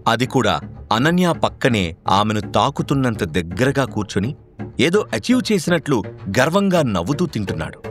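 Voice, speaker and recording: Brief: male storyteller, dramatic narration, animated delivery, soft music bed. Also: medium pitch. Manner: expressive, voicing every character. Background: faint background music.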